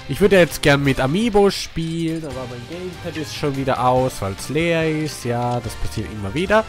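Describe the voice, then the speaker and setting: A young Austrian gaming channel host, congested from a cold, gives casual let's-play commentary over game music. He's excitable, veering between hyped shouts and low mumbles.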